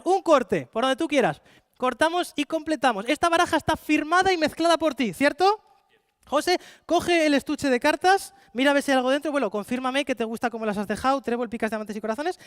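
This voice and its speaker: A Spanish man performing card magic at a rapid clip, his voice very high for a man. He coaxes volunteers with playful showman patter, and the sound is dry and close. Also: a bit bright, no room sound. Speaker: stage magician. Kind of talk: live card-magic show with audience volunteers. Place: conference hall with live audience.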